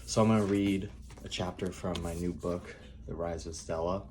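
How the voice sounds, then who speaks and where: A man speaking softly and calmly as he reads his own fantasy writing aloud in a quiet narrating style. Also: deep voice, normal speed, background noise. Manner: quiet, calm, soft-spoken reading. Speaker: writer reading own novel aloud.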